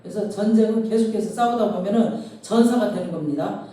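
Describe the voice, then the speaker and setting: Woman pastor, sermon, storytelling, acts out voices, mellow dark tone, heavy hall echo, distant mic. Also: mid-range voice, a little fast. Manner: storytelling, acts out quoted voices, informal asides. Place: church sanctuary. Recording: very echoey hall, far from mic.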